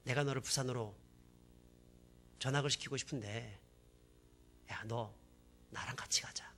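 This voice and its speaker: A man voicing a gentle father who speaks to his son in a soft, hushed way. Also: medium pitch, moderate pace, a little hiss or hum, pitched below the performer's own voice. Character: quiet gentle father, a seaman.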